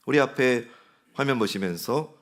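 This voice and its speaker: A man's voice: medium pitch, normal speed, fairly bright tone. A man in his forties, a pastor preaching a sermon in a conversational way and asking his congregation questions. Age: 40s. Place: church sanctuary.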